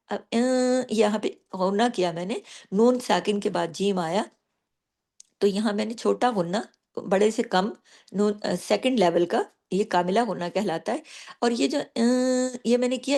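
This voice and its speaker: A woman teaching tajweed, explaining the rules patiently and slowing down to recite each example, often checking in with her listeners. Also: medium pitch, darkish tone. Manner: checks in often with "theek hai?".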